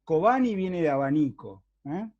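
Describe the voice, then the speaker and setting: A man's voice: a little high, lively intonation, darkish tone, dull audio. A man with a Rioplatense Spanish accent giving a university lecture, explaining patiently and checking often that his listeners follow. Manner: explanatory, checks understanding with frequent rhetorical tags; unhurried, with hesitant fillers and restarts.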